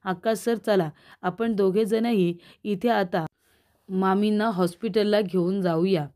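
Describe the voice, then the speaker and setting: A woman voicing a gentle, respectful young woman, reading her lines in a TV serial recap. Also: mid-range voice, steady tone, slow, lightly acted.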